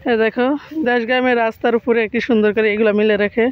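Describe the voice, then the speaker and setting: Woman from bangladesh, quiet walking vlog, kinda muffled by her mask, faint rural sounds outside. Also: a little high, flat delivery, fast talker, a little hiss or hum. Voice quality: slightly muffled by a face mask. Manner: soft-spoken, talks quietly in public. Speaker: village life vlogger. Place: outdoors on a village road.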